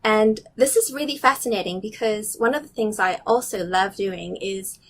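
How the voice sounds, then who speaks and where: A nature recorder from South Africa, middle-aged, with a mixed international accent that leans slightly Canadian, enthusiastically shares nature stories in a relaxed interview set in a city restaurant or office. She speaks at medium pitch and a moderate pace, restarting now and then to explain carefully, with a little hiss or hum in the audio.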